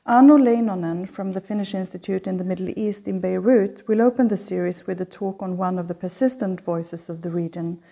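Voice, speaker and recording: A middle-aged woman from Sweden giving a prepared opening lecture as host of a lecture series, in a measured, reflective reading. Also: mid-range voice, vocal fry, dark tone.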